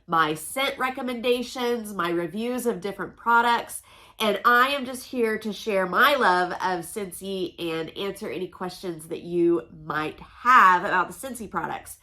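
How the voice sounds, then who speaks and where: A medium-pitched, pushed, bright voice belongs to a chatty direct-sales consultant from Oklahoma, USA, who hosts a channel. She speaks a little slowly, upbeat and folksy though congested from allergies, during a casual product unboxing vlog in a home room with a noisy air conditioner.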